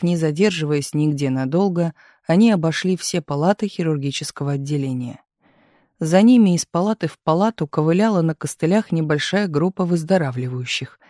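An audiobook narrator reading a literary novel in a measured, expressive storytelling manner on a close studio mic. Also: medium pitch, dry recording.

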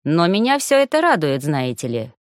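A woman's voice: sits low, huge pitch swings, moderate pace, dry recording, clean studio sound, pitched below the performer's own voice. A woman voicing a brash, scheming young male student in an audiobook, talking in a smug drawl. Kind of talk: audiobook character voice.

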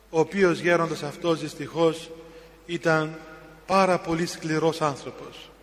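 A middle-aged man, a priest, telling a story in a sermon, slow and grave with sudden emphatic rises. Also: on the high side. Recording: long hall reverb.

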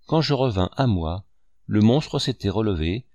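Deep-voiced man reading a novel. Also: expressive, normal speed, mellow, dry recording, highs cut off. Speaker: narrator. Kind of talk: audiobook narration.

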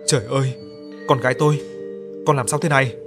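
A man's voice: medium pitch, brisk, music in the background, lightly acted. A man reading the part of a middle-aged mother, worried and tearful over her daughter. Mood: distraught. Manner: distraught, crying out.

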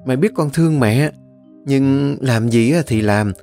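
A frail old mother, gentle and reassuring, as a male storyteller puts her on, her voice lifted higher than his own and softly comforting. Quiet music sits under the reading. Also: close to an everyday voice. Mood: tender. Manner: soothing, unhurried, motherly. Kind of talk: audiobook character reading.

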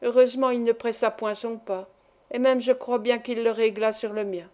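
A woman narrates a classic novel in a measured, expressive reading. Her voice sits a little high but sounds mellow and warm. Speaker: audiobook narrator. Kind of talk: literary audiobook narration.

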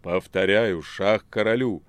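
A man voicing an imperious ancient male devil, speaking in a measured, commanding drawl. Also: on the low side, no echo, studio quality, natural voice.

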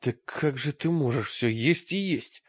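A man's voice: mid-range voice, lively intonation, normal speed, no room sound, lightly acted. A man voicing an anxious, earnest young wise man who asks worried questions, recorded with a dull lo-fi sound.

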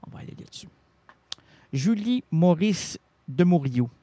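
A man hosting a web show, talking in a playful, improvised way full of wordplay and sudden swoops in pitch. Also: sing-song, measured pace, warm tone, no room sound.

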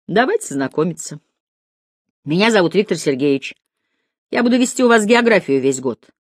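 A woman's voice: on the low side, expressive, normal speed, dry recording, studio quality. A woman reading the part of a strict male geography teacher facing an unruly class, firm and commanding. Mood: dry, firm.

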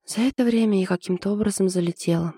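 An anxious young woman in love, confiding her trouble in a hesitant way, as a woman reads her part. The voice is mellow and dark. It sounds dry and close. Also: medium pitch, quick pace, slightly rough, dry recording, natural voice.

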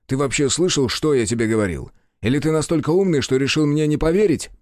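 A man's voice: fairly low pitch, a little fast, a little mellow, dry recording, studio quality, close to an everyday voice. A man voicing a blunt, sardonic male psychiatric patient who speaks brusquely and sarcastically. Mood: angry.

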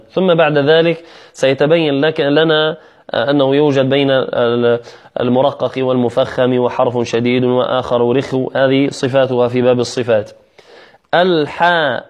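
A man teaching Quran recitation, patiently demonstrating each word slowly and then explaining the common mistakes. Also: medium pitch, a little mellow. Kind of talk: recitation and tajweed lesson. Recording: dull lo-fi recording.

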